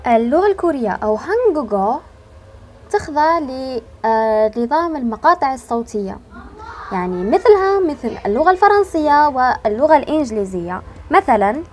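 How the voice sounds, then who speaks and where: Higher-voiced woman teaching patiently. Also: big pitch swings, slight background noise. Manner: patient and deliberate, stretching key words with thinking pauses. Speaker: language teacher. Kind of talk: explanatory online lesson.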